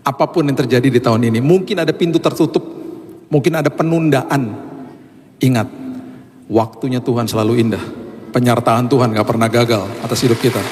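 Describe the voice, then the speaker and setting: A man's voice: mid-range voice, a little fast, pauses often, a little mellow, slight background noise. A male pastor preaches in a loose, storytelling way, with dry humor. His voice carries a long hall reverb. A faint room ambience sits behind it. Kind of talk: storytelling sermon.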